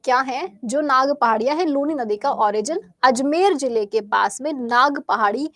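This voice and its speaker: A studio-quality, echo-free recording captures a woman's high, fairly bright voice at normal speed. With a Bihari Hindi accent, she teaches a live exam-prep quiz class, chatting as she asks questions and answers them. Her throat is sore, so she clears it repeatedly.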